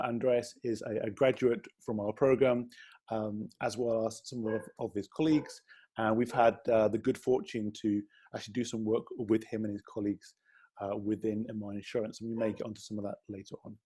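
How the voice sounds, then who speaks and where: A man hosts a live-streamed interview in a chatty, friendly way, stumbling a little over his words as he introduces his guest. His voice is dark and mellow with a husky edge. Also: lowish voice, steady tone, normal speed. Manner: chatty, gently hesitant, friendly questioning.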